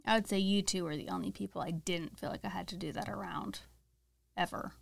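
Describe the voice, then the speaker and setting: A woman co-hosting a casual podcast chat, earnest and chatty, quick to laugh. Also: mid-range voice, steady tone, gravelly, no echo.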